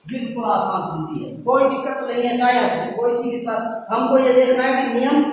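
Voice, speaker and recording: High-voiced woman teaching in an echoey hall. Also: normal speed, a little mellow. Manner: asks herself questions and answers them, repeats words; reassuring, keeps saying it is easy. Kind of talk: grammar lesson at a board. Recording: very echoey hall, far from mic, faint noise.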